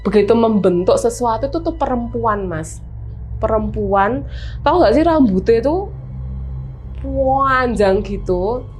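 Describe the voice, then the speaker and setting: A bright-voiced woman with a Javanese accent tells a spooky story of her own in a relaxed chat, animated and full of fillers. Her voice sits fairly high, and soft music hums underneath. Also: unhurried, long pauses. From Semarang, Central Java, Indonesia. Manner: animated, vivid retelling with many fillers. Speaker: guest telling a personal horror story.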